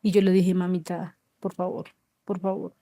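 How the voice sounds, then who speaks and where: Woman, 30s, from Colombia, interview guest; dark, even delivery, slow and halting, dry close sound. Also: fairly low pitch, dry recording. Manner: slow, halting storytelling with soft trailing lines. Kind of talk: emotional personal testimony.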